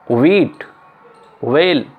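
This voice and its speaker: A male teacher giving an explanatory lesson, spelling words out letter by letter and repeating them slowly. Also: fairly high pitch, animated, phone-quality sound. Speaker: English teacher.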